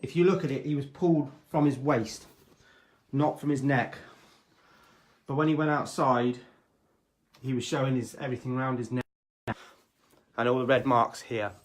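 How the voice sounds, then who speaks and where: Sceptical man with a mid-pitched voice. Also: steady tone, moderate pace, pauses often. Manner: conversational, sceptical. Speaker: ghost hunter live-streamer. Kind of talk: casual explanatory live-stream chat.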